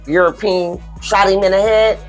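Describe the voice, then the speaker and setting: A woman's voice: medium pitch, fairly even intonation, moderate pace, soft background music. A woman co-hosting a podcast, talking in an easygoing, plain-spoken way and laughing often. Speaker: podcast co-host. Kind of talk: casual chat.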